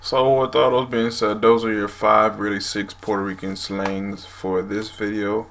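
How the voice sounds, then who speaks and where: Gravelly low-voiced young man. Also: level tone, unhurried, fairly bright tone. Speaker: language video host. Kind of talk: casual explainer to camera. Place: small room at home, indoors. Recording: noisy room recording.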